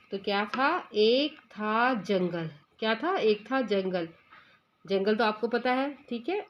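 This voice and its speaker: A woman teacher explaining a story chapter to young children. She asks them questions and explains words as she goes. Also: fairly high pitch. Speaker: school teacher.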